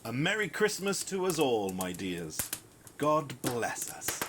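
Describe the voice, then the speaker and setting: A man playing a poor, gentle father who speaks warmly to his family. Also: mid-range voice, very animated, slow pace, background noise. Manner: gentle, cheerful.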